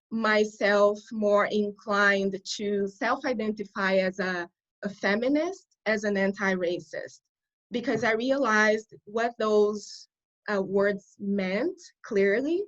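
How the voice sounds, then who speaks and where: In this conversational interview, a woman from Brazil answers in English, her Brazilian accent shaped by her native Portuguese. Her pitch is medium and her delivery slow, and the recording has lost its high frequencies. Earnest in tone, she keeps starting her sentences over while working out her thoughts.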